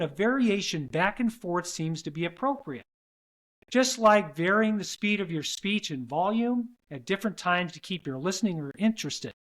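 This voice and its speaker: A middle-aged man hosting a solo talk on sales communication, speaking deliberately and changing his delivery to show emphasis. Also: high voice. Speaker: sales coach and podcast host.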